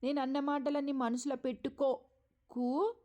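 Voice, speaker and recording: A stern, bitter mother-in-law from a TV serial retelling, as a woman narrator puts her on, firing off nagging rhetorical questions in a raised voice. The tone stays mellow and dark rather than shrill. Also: flat delivery, a little slow. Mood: reproachful.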